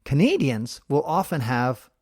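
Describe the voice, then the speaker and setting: An American man hosting a casual travel podcast, talking in an animated way and swearing now and then. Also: medium pitch, unhurried, no echo, studio quality. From United States. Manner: animated, swearing, mimics others in quotes. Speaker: podcast host.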